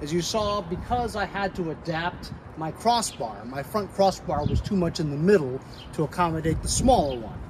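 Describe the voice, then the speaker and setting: A man's voice: a little high, expressive, moderate pace, few pauses. A middle-aged man casually reviewing a product in a suburban driveway, chatting to viewers he calls guys, recorded on a phone camera. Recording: outdoor street noise behind.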